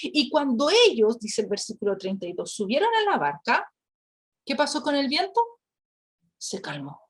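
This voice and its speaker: Animated woman teaching the Bible. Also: on the high side, moderate pace. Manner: animated storytelling with rhetorical questions; acts out quoted characters. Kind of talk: Bible lesson.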